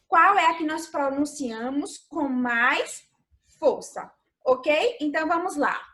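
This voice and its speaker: A Brazilian woman with a Brazilian Portuguese accent, a primary school teacher giving a recorded remote lesson, patient, stretching key words slowly and asking her pupils questions. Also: sits high, animated, sharp tone.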